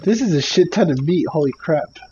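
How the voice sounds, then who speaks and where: Chatty man with a lively voice. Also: fairly high pitch, a little fast, lo-fi sound, slight background noise. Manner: chatty, swears casually. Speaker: gamer playing with friends. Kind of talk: casual voice chat while gaming.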